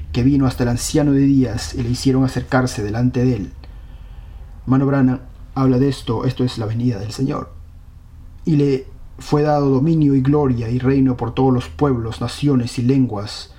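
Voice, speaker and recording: A man's voice: medium pitch, steady tone, moderate pace, warm tone. A man preaching a sermon, reading scripture aloud and earnestly questioning his congregation.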